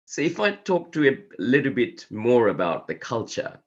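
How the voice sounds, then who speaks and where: A man with a cold and a croaky voice, presenting a conference talk over a video call in a measured, hesitant way. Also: mid-range voice, very animated. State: hoarse from a cold. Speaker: conference speaker. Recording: dull lo-fi video call audio.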